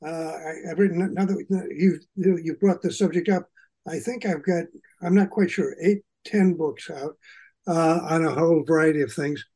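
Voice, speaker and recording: A man's voice: fairly high pitch, normal speed, dark tone, breathy edge. A man in his eighties introducing himself on a group call, hesitant and self-correcting.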